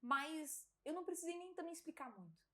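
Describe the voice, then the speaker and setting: Her voice is high and her delivery brisk as this Brazilian woman, speaking with a Brazilian Portuguese accent, gives a casual testimony on a podcast as a guest. She's full of energy, frequently laughing as she acts out what people said.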